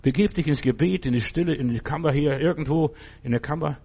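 A man's voice: on the high side, fast, warm tone, husky, dull audio. A middle-aged man preaching a sermon in a fervent, colloquial way, often checking in with his listeners. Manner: fervent, colloquial, keeps asking "verstehst du?".

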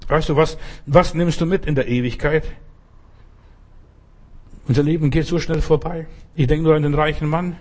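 A man's voice: a little high, a little mellow. A man preaching a sermon as pastor, speaking directly to each listener and often checking whether they follow. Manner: conversational, addresses the listener directly and keeps asking if they follow.

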